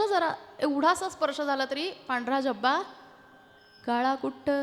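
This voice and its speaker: In a temple hall, a woman with a high voice and a Marathi accent performs a devotional kirtan, a lively talk that breaks into sung verses and teases the audience into answering back. The hall is reverberant, with faint music in the background.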